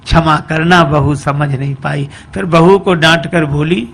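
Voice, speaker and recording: A man telling a humorous devotional story sermon in a lively, animated way. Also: fairly high pitch, measured pace, gravelly. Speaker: religious storyteller.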